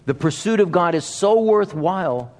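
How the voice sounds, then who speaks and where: Higher-voiced male preacher in a reverberant hall. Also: expressive, moderate pace, darkish tone. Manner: earnest, emphatic, repeats phrases for emphasis. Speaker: pastor. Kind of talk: sermon.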